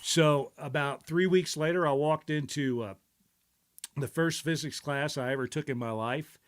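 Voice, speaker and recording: A man's voice: on the high side, moderate pace. A middle-aged man hosting a casual live stream, talking in a rambling, reflective way with many fillers and restarts. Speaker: show host.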